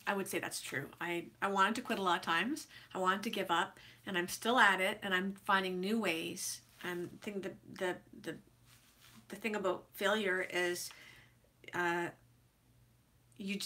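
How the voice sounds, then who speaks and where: Stuffy with a cold, this woman in her forties offers writing tips on her vlog in an easygoing way, stumbling through fillers and false starts. Her pitch is medium, her tone pushed and bright.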